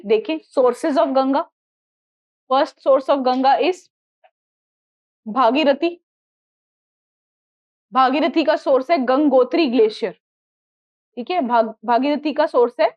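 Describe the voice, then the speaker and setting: Speaking in Hindi and English, an Indian-accented woman teaches exam-prep geography with a high voice and no rush. She repeats herself, drills memory tricks, and quizzes students to see if they keep up, all in slightly muffled, lo-fi sound.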